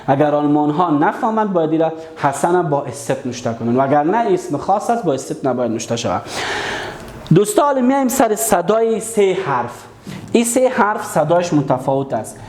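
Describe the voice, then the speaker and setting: A man's voice: fairly high pitch, sing-song, darkish tone, echoey room. A man teaching a language lesson online. He is patient, repeats key words and asks the class questions.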